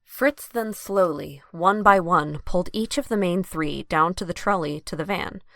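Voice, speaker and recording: A woman narrates an audio drama, reading scripted prose at a normal speed. Her voice is a little low with a fairly bright tone, and the recording is dry and close with no echo.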